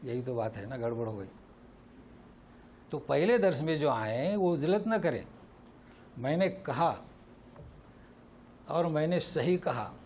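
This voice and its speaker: A male religious teacher leads a Quran lesson, his voice sitting fairly high. He presses each point with emphasis and answers his own rhetorical questions. A faint hiss runs behind him. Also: animated, pauses often, a little mellow. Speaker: Islamic teacher.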